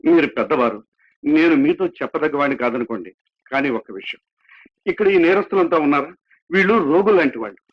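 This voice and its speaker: A man's voice: a little high, animated, fast talker, long pauses. An actor playing a humble, kind-hearted prison constable who talks earnestly and deferentially to his boss, in a film drama with a dull, lo-fi soundtrack. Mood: earnest, pleading.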